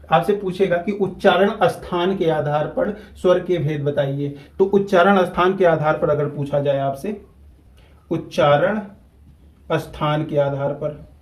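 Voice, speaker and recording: A man, teaching a grammar lesson at a whiteboard. He repeats key terms slowly and deliberately so students can keep up. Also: high voice, darkish tone, poor audio.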